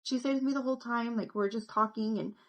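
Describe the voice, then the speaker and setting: A woman's voice: fairly high pitch, fast talker, fairly bright tone, poor audio. Chatty young woman vlogging. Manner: chatty, fills talk with "like". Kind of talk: casual storytelling to camera.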